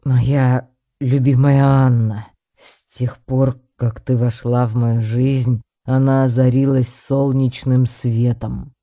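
A man playing a nervous middle-aged male professor, speaking slowly and formally as if he has rehearsed every word. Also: mid-range voice, level tone, dark tone, no echo, studio quality. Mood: solemn. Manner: slow, formal, rehearsed proposal speech.

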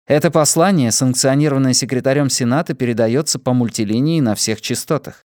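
A man voicing a calm spaceship computer in an audiobook, announcing formally in a clear voice. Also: mid-range voice, brisk, no room sound, clean studio sound, voice pushed up, natural voice. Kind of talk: dramatised audiobook reading.

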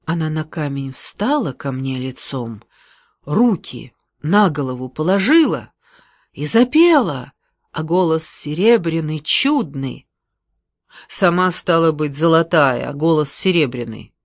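A reader voicing a naive, awkward young man who tells his story haltingly, in an audiobook. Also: medium pitch, animated, dry recording, clean studio sound. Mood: hesitant. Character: naive awkward young male forester's son.

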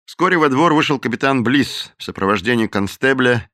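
A man's voice: medium pitch, animated, moderate pace, sharp tone, no echo, studio quality. A man narrating an audiobook expressively.

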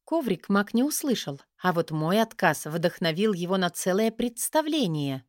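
A woman's voice: medium pitch, big pitch swings, moderate pace, no room sound, clean studio sound. Woman narrating a wry fantasy tale. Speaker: audiobook narrator. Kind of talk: first-person fantasy narration.

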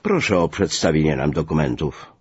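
A man's voice: rumbling low, animated, moderate pace, slightly rough, no room sound, full character voice. Man doing a cold, curt german major. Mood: haughty. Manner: dry, curt, haughty. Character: cold, arrogant male German army major. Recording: muffled lo-fi recording.

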